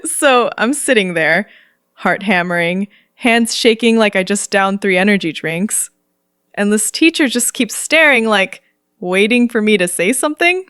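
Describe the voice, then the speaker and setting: A young woman tells a storytime vlog in a chatty, dramatic way, often breaking into giggles and slang aimed at her viewers. Her voice has an ordinary middle pitch. The sound is dry and close, with no room echo. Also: expressive, a little slow, fairly bright tone, clean tone. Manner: slangy, addresses viewers directly. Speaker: storytime narrator.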